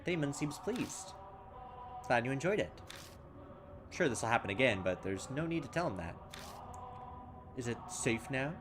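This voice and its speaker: With music playing underneath, a let's play host works through a horror visual novel at normal speed, reading its text and thinking aloud with restarts and long pauses. His mid-range voice swings widely in pitch, and the trial and error leaves him mildly exasperated.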